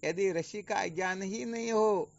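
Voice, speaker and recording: A man's voice: sits high, unhurried, creaky. A man acting as a spiritual teacher, giving a patient, explanatory online discourse full of rhetorical questions. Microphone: video call. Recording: dull lo-fi online call audio.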